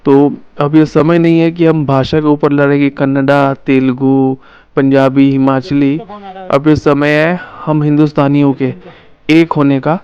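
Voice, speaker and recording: A man's voice: on the high side, flat delivery, measured pace, darkish tone, dull audio. A man from Himachal Pradesh narrating a travel vlog in a chatty way, talking straight to his viewers. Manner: chatty, addresses viewers as guys. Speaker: travel vlogger.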